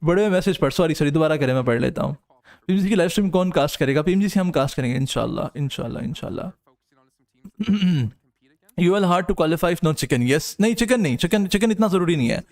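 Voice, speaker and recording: Young male streamer, slightly high voice, tired and jokey. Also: lively intonation, fairly quick, a little mellow. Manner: joking, banters with chat, lapses into crude banter. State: tired from no sleep. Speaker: streamer and caster. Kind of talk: casual chat reading live comments.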